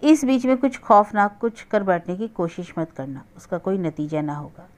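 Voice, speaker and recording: A woman's voice: medium pitch, animated, moderate pace, a little mellow, close to an everyday voice. A woman voicing a remorseful young man who speaks in an earnest, pleading way while reading a novel aloud. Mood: calm.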